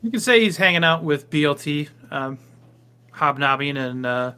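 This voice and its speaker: A man's voice: on the high side, animated, moderate pace, pushed and bright, smooth. A man narrating a tabletop game as game master, improvising loosely with lots of ums and uhs.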